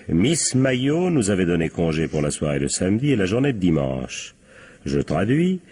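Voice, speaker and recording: In a French radio crime drama, a male actor gives a full character voice as a shrewd, confident police captain. His voice is low, darkish and husky, and his captain is methodical, probing and wryly polite.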